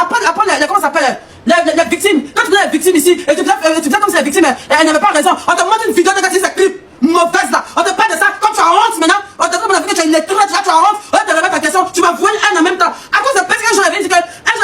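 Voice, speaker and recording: A woman's voice: very high-pitched, sharp tone, echoey room, distant mic, a little hiss or hum. A woman with an Ivorian French accent, ranting accusingly in a heated live stream, repeating herself and laughing scornfully. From Côte d'Ivoire. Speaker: social media personality.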